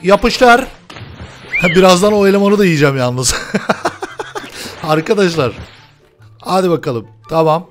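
A young man giving loud, playful let's-play commentary, shouting slangy taunts at the game. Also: high-pitched, moderate pace, pauses often, music in the background. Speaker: gaming YouTuber.

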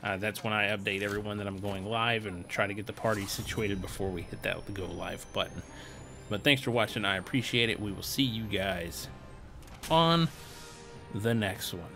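A man's voice: on the low side, fairly even intonation, brisk, vocal fry, pushed and bright, soft background music. A tired young man giving casual, rambling voice-over commentary on his gameplay video, chuckling now and then. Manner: rambling, easygoing, chuckles often. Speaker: gaming channel host and streamer.

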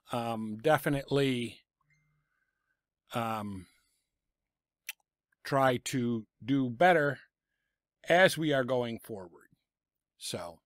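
A raspy-voiced middle-aged man, hoarse from a lingering cough, delivers blunt, sarcastic football picks, taking shots at teams and coaches. He's a sports picks vlogger speaking into a desk microphone in a small home room packed with sports memorabilia. His voice is mid-range, and the clean studio audio has no echo.

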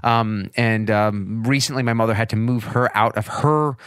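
A man hosting a podcast, casually telling a family story with many pauses and restarts. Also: fairly low pitch, fairly even intonation, fairly bright tone, clean tone, no room sound, studio quality. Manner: rambling, with many ums and restarts. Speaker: podcast host.

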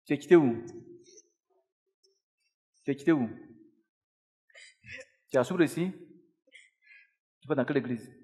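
A man's voice: medium pitch, unhurried, pauses often, mellow, in a large hall. A man leading a deliverance service as pastor, commanding and repeating his words in a chant. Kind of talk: deliverance ministry. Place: church.

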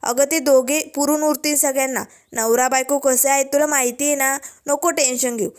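A woman's voice: high voice, fairly even intonation, normal speed, natural voice. A woman voicing a young woman who soothes her worried aunt. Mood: reassuring. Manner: soothing, brushing off worry.

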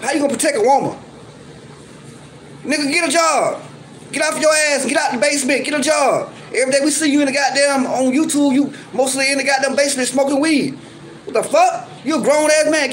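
High-voiced man on a profane rant. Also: fairly bright tone, slight background noise, rough recording. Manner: heated, profane, repetitive scolding. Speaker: YouTube commentator. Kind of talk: angry ranting vlog.

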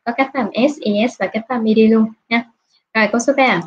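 This Vietnamese woman teaching English online has a fairly high pitch and a steady tone. She quizzes students over a video call with patient, drawn-out prompts, and the class audio sounds dull and lo-fi.

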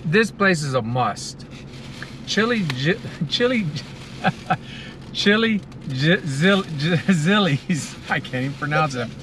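Slow-paced, with a fairly high pitch and lively intonation, a middle-aged American man talks between bites as he gives a casual, savoring food review to camera. He's inside a car, and the cabin's ambient noise is clear.

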